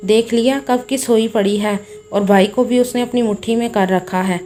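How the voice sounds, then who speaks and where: A woman's voice: a little high, fairly even intonation, normal speed, warm tone, lightly acted. A woman voicing a spiteful, spoiled young sister-in-law who mocks, in a storybook tale. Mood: mocking. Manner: spiteful, mocking.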